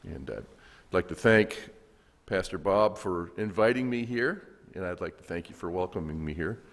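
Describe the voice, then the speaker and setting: A man's voice: low-pitched, moderate pace. A man with a Southern American accent preaching as a guest pastor, folksy and joking with the congregation. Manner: folksy, animated, jokes with the congregation. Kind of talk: sermon with humor and audience call-and-response. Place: church sanctuary. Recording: echoey church hall.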